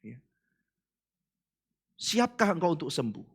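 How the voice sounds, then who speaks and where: A male pastor with an Indonesian accent preaching a sermon in a church, telling stories with acted dialogue and swinging between loud bursts and hushed asides. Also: fairly high pitch, big pitch swings, slow, husky. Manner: addresses congregation as "saudara".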